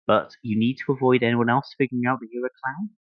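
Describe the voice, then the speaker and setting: A man hosting a podcast in casual chat, thinking aloud in a halting way. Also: medium pitch, steady tone, no echo, phone-quality sound. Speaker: podcast host.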